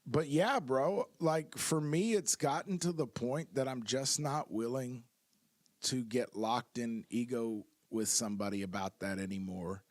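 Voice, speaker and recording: Male podcast guest, mid-pitched, easygoing and reflective, dry close-mic sound. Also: measured pace, no echo. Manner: reflective, easygoing, laughs at times. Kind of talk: casual podcast conversation.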